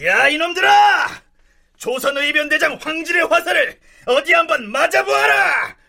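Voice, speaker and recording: An actor playing a fierce, dutiful militia commander in a historical radio drama, barking forcefully like a military man. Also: sits high, lively intonation, normal speed, gravelly, background noise. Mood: defiant.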